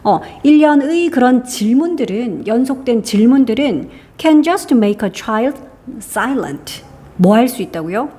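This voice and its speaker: A woman's voice: a little high, animated, slow, warm tone, breathy edge. A woman from Korea teaching an English exam passage, asking questions and answering them herself. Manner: explains grammar, asks and answers own questions. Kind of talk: lecture on exam reading passage.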